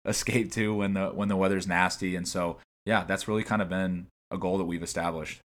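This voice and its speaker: Man in his twenties, very low voice, relaxed podcast co-host, lots of "you know". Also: brisk. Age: 20s. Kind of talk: casual podcast chat.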